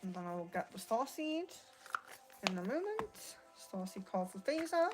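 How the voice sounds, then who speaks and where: A woman hosting a casual live card reading, speaking in a gently reassuring, meandering and hesitant way. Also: fairly high pitch, very animated, measured pace, music in the background. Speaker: tarot and oracle card reader, live host.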